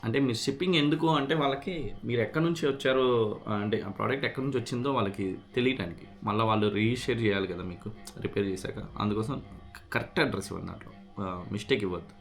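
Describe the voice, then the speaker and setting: This is a casual explanatory vlog with unboxing, where a man recounts getting a product repaired. His voice is lowish and his pace is quick, and he drops English words into what he says.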